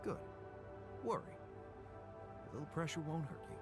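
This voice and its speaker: A man voicing a calm menacing AI double. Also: on the high side, normal speed, natural voice. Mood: smug menace. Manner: calm, smug, quietly threatening. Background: game music.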